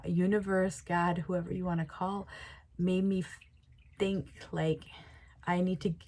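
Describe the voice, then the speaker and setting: A woman voicing a kind, confident wealthy woman who insists on giving a gift, in a gently pleading way. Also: lowish voice, flat delivery, measured pace. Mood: insistent.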